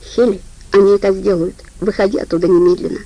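A worried, loyal man, as a woman reader plays him pleading urgently through a locked door. The tone stays low and gravelly, close to her reading voice. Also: fairly even intonation, fast, dark tone, lightly acted, rough recording. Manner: urgent, insistent.

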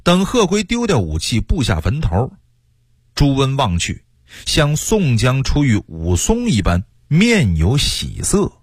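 Brief: male radio storyteller, husky voice, dry close studio sound, playful asides. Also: mid-range voice, measured pace, no echo. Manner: lively, jokey asides. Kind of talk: storytelling history narration for radio.

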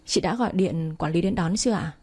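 A woman's voice: on the low side, brisk, a little mellow, breathy edge. A woman voicing a polite, weary young man. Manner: polite, apologetic, firm.

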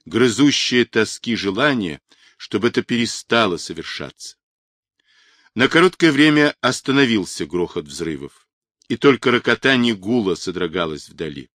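Male audiobook narrator, low voice, dry close sound, measured dramatic reading. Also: no echo. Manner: measured, dramatic reading that rises for quoted shouts. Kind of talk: scripted literary narration.

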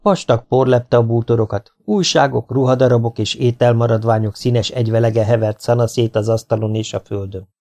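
Gravelly-voiced male audiobook narrator. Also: medium pitch, fairly even intonation, warm tone. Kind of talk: scripted narration.

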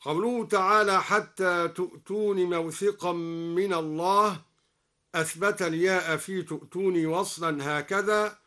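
A man introducing a Quran recitation on live radio, explaining reading variants and then chanting each verse slowly. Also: high-pitched, pushed and bright. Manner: alternates plain explanation with slow melodic chanting.

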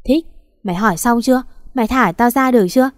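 A woman's voice: a little high, fast, dry recording, studio quality, lightly acted. Woman doing a bossy young rich master. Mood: curt. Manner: curt, scolding orders.

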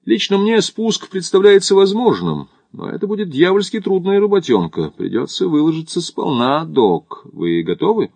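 A man voicing a brash, talkative Australian male climber with a brisk, mocking manner. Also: sits high, sing-song, creaky, a little mellow, no room sound, pitched above the performer's own voice, heavily acted.

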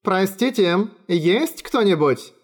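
A man voicing a bold, brisk young woman adventurer in an audiobook, with an eager, raised light voice. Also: fairly high pitch, expressive, pitched above the performer's own voice. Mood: calling out.

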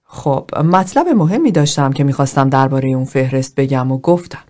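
A woman's voice: rumbling low, pitched below the performer's own voice. A woman doing a cold, detached man. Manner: flat, unemotional, indifferent.

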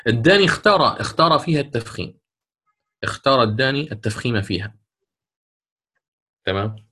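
A man teaching a Quran recitation lesson, explaining patiently, repeating key points, checking that students follow, and chanting quoted verses slowly. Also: mid-range voice, expressive, background noise. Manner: hedging, checks understanding with "tamam?". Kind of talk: online tajweed lesson.

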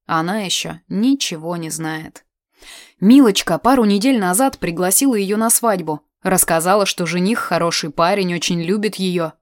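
A woman narrating an audiobook in even, measured storytelling. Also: on the low side, dry recording, clean studio sound. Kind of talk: scripted narration.

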